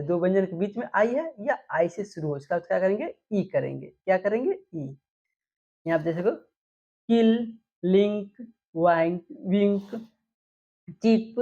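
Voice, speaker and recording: Her voice is medium in pitch but gravelly, darkish, and slightly rough as she teaches English spelling rules. She says every example word twice and poses questions to the class before supplying the answers. The recording sounds dull and lo-fi.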